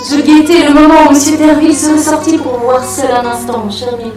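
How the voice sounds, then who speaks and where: A woman's voice: sits high, fairly even intonation, brisk, faint music behind, natural voice. An actress playing a secretive young woman who speaks in a confiding, theatrical way. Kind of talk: stage theatre acting. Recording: echoey stage from a distance.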